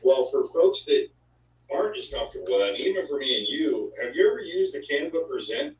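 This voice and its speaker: A man's voice: medium pitch, big pitch swings, brisk, slight background noise. A man hosting a casual chat, talking in an easygoing, rambling way. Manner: easygoing, rambling, sound effects. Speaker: host. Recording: echoey, distant, dull sound.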